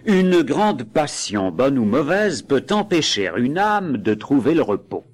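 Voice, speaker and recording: List: man playing a village priest, grave, slow, solemn, breathy. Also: medium pitch, very animated, pitched above the performer's own voice.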